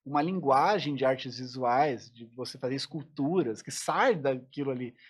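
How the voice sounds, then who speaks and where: A musician appearing as a podcast guest talks in a casual interview, his mid-range voice slightly rough and his speed normal. He's reflective, thinking aloud and restarting sentences often.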